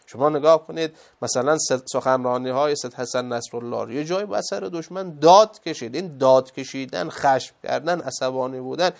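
A man's voice: mid-range voice, gravelly, few pauses. A man giving a moral lecture as a religious speaker, emphatic and full of rhetorical questions.

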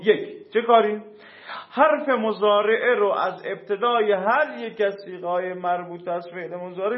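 A high-voiced man leads a classroom grammar lesson. He reads out the rules and then unpacks them in everyday speech, often asking questions and answering them himself. The sound is echoey and muffled. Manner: reads a rule, then explains it in casual speech. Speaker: teacher. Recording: echoey room, dull lo-fi sound.

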